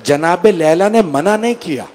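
A man's voice: high voice, animated, normal speed, darkish tone, slight background noise. A man delivering a mournful sermon recitation, emotional and grieving, speaking directly to his listeners.

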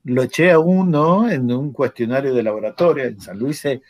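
A man's voice: medium pitch, normal speed, darkish tone, slight background noise. An older man with an Argentine accent, a former chemistry professor telling a story in a casual chat, acting out the dialogue with laughter and swearing. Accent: Argentine Spanish.

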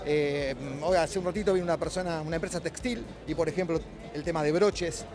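A middle-aged man with a Rioplatense accent and a rather high voice talks into a handheld mic at a crowded expo. He explains at length, full of "eh" hesitations and restarts. Faint music plays in the background. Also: brisk. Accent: Rioplatense Spanish. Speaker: company director. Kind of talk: trade-show interview. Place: busy indoor expo hall. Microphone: handheld mic held by interviewer.

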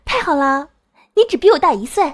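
Woman as young girl, possessive, teasing, clingy, high voice, dry close recording. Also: expressive, moderate pace, darkish tone, no room sound. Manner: teasing, clingy, sweetly demanding. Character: 19-year-old girl, doting and possessive. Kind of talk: audio drama acting.

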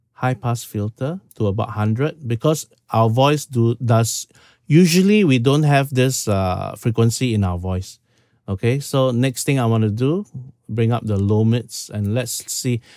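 A Singapore man in his fifties runs a casual screen-share tutorial on audio settings from a small home room, going step by step and saying "okay" a lot. His voice is mid-range and a little mellow, captured in a dry, clean studio recording.

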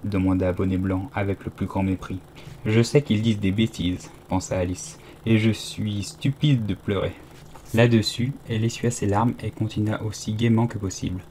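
Male reader for a storybook, low-voiced and dark-toned, voicing characters lightly. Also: steady tone, moderate pace, slight background noise. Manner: reads dialogue with raised, louder quotes. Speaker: audiobook reader. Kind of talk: storybook narration.

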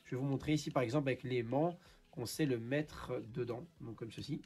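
A man's voice: mid-range voice, steady tone, brisk, darkish tone. A man with a Belgian French accent, a repair technician giving a product review and explaining as he demonstrates hands-on.

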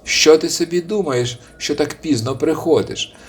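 Give me a furious storybook bear, hungry and bullying, shouting every word in a raised, forceful voice, as a man reads him out. He roars like a lord who expects to be obeyed at once. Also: fairly high pitch, normal speed, slight background noise, voice pushed up, lightly acted. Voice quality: roaring, shouting.

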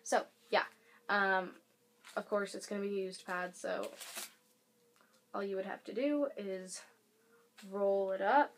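A woman's voice: mid-range voice, steady tone, slow pace, long pauses. Young woman vlogger, mid-range voice, loose filler-heavy demo talk, home camera audio with faint hiss. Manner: rambling, filler-heavy, self-correcting. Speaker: beauty and advice vlogger. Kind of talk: casual product demonstration. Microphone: camera mic. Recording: faint hiss from air conditioner.

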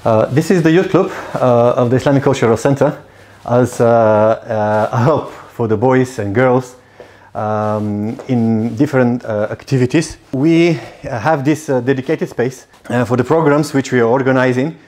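A man's voice: medium pitch, moderate pace, a little mellow. Hesitant Bulgarian-born man, forties, youth worker welcoming guests, lapel mic. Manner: hesitant, many fillers and restarts. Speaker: youth coordinator. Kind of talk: welcoming tour talk. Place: indoor office and youth club.

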